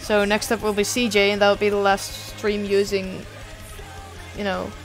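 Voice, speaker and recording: A woman's voice: medium pitch, completely flat delivery, moderate pace, soft background music. A young adult woman streamer chatting casually, rambling and self-deprecating, swearing now and then.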